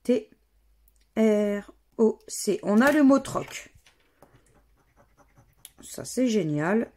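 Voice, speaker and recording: Slow, cheerful woman vlogging. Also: medium pitch, animated, darkish tone. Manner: cheerful, spells out letters and words one by one. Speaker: scratch-card vlogger. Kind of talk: casual commentary while scratching tickets.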